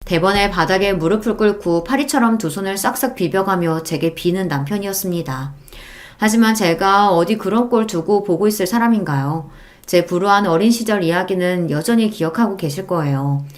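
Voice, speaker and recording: A woman's voice: mid-range voice, normal speed. Woman narrating an indignant story. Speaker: audiobook narrator. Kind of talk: scripted first-person story narration.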